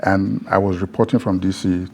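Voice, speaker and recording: An older man from Benin in Nigeria, a broadcast journalist, reminiscing in a relaxed conversation and sometimes repeating words as he starts. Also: low voice, normal speed, creaky, slight background noise.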